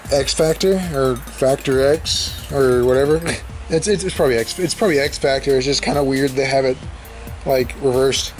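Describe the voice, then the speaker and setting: A young podcast host rambles and swears casually while opening old comic books at home, filming them on a bed with a handheld camera. His voice is medium in pitch, steady, and moderately paced. Faint music plays behind this low-quality recording.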